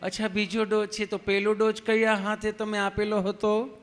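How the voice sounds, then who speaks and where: A man voicing a calm, sweet-spoken middle-aged nurse who asks questions patiently. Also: mid-range voice, normal speed, lightly acted. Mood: gentle. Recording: long hall reverb, faint music.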